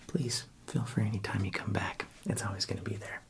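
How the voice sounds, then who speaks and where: A man doing a whispered role-play as a friendly librarian, in a soft library whisper, talking gently and chattily to the listener. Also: lowish voice, steady tone, brisk. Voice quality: soft, breathy library whisper with gravelly edges. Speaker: ASMR performer playing a friendly librarian.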